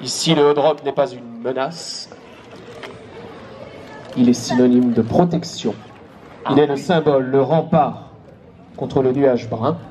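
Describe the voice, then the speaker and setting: Man as a slow, hammy, proud mayor. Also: medium pitch, dark tone, close to an everyday voice. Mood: grandiose. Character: proud, mocking elected town mayor. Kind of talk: improvised verse duel on stage. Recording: outdoor show with some crowd noise.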